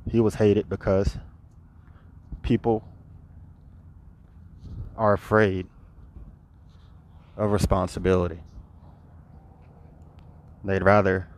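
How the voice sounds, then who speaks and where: Male, low register, earnest repetitive spiritual talk, recorded outdoors. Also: little pitch movement, slow, pauses often. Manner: earnest, preachy, repeats phrases. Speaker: vlogger. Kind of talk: spiritual monologue. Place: outdoors by a road. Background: passing cars and wind.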